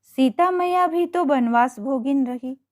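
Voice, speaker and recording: A woman's voice: high voice, slow pace. A woman voicing a kindly middle-aged mother who speaks in a soothing, motherly way in a told story. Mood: gentle consoling.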